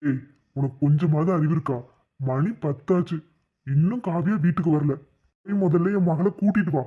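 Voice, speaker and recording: A man voicing a stern, bossy middle-aged village father in a cartoon, speaking gruffly. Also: fairly high pitch, normal speed. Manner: gruff, ordering. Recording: tinny phone-like sound.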